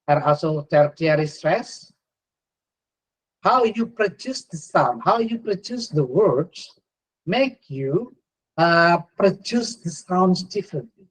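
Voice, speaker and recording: A man's voice: sits high, a little mellow, poor audio. A middle-aged man with an Indonesian accent giving a university lecture, often repeating words and ending points with "yeah". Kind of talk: online class lecture.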